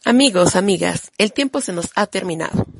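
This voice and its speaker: A woman radio host reading a scripted program in a steady, formal way. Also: medium pitch, fairly quick, gravelly, slightly rough, dry recording.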